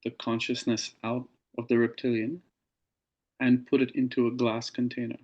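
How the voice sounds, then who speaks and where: A man speaks as an interview guest, slowly and earnestly recounting something that happened to him. His voice stays level and flat, with little rise or fall. The audio sounds dull and lo-fi. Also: mid-range voice. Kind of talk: recounting a personal experience.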